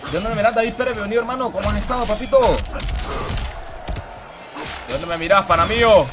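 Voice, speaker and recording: A young man streaming a fighting game live, hyping his plays and greeting viewers by name in an excitable, slangy way. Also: sits high, fast talker. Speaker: livestream gamer. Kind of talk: live gameplay commentary. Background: game music.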